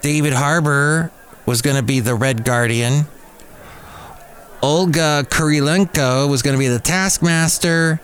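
A man with a slightly high, somewhat bright voice speaks a little slowly. He hosts a solo podcast, offering wry, opinionated commentary on entertainment news. Background noise and ambience come through clearly in the recording.

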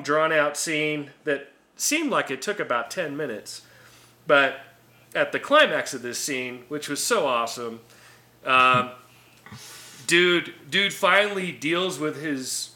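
Guy on a movie podcast, kinda high bright voice, rambles, lots of uh and restarts, laughs a bunch. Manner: rambling, many restarts and fillers, laughs often. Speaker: podcast co-host. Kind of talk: casual chat.

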